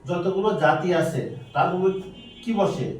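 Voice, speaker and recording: A man's voice: sits high, moderate pace, far from the mic, slight background noise. A male teacher, quizzing his students with repeated questions during a grammar lesson. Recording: very echoey room, voice from afar.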